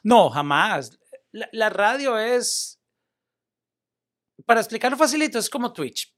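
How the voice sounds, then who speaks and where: A young man, a media personality and former radio host, chatting casually on a podcast, animated and loose, mixing English words into his talk. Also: high voice, measured pace.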